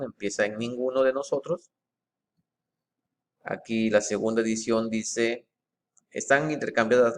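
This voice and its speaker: A man with a gravelly voice talks through a text comparison in an informal, explanatory way. His pitch sits in a plain middle register. He reads short passages aloud and stops often to restart his phrases. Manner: methodical and halting, with frequent fillers and restarts. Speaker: presenter comparing book editions.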